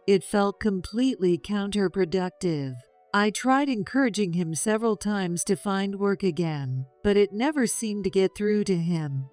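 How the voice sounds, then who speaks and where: Slow, measured woman narrating a story. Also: medium pitch. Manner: calm, measured, confessional. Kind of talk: scripted first-person story narration. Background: faint music.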